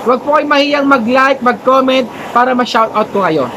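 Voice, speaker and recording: High-voiced, earnest motivational vlogger man. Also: moderate pace, background noise. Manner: earnest, preachy, polite, peppered with "po". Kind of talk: casual motivational storytelling.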